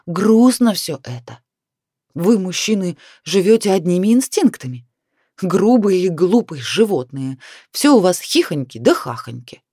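A woman's voice: on the low side, very animated, measured pace, dark tone, no room sound, studio quality. A woman reading as an indignant clairvoyant wife. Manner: indignant, reproachful. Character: irritable clairvoyant wife, quick to scold.

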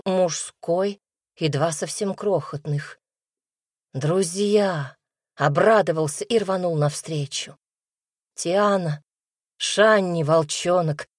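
A woman narrating an audiobook in the first person, calm and even. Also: fairly low pitch, dry recording, clean studio sound.

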